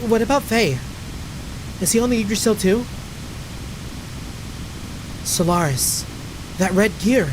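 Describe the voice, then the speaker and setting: A man's voice: high-pitched, measured pace, long pauses, noisy background, voice pushed up. A man voicing an anxious young woman. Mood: worried. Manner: worried, pleading questions. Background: game music.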